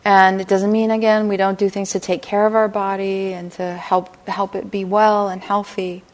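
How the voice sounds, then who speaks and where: A middle-aged woman teaching a meditation class, speaking gently and unhurriedly and often checking in with her listeners. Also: mid-range voice, flat delivery. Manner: gentle, unhurried, lots of "right?" and "you know". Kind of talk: dharma talk to a class. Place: meditation hall.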